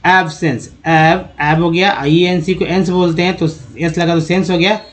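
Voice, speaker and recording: A man teaching English spelling and pronunciation, sounding words out slowly syllable by syllable. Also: high voice, flat delivery.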